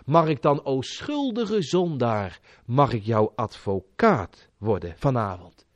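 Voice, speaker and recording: Male preacher, lively pitch swings, dry close sound, impassioned sermon delivery. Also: slow, dry recording. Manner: fervent, swelling to loud emphatic peaks then dropping low.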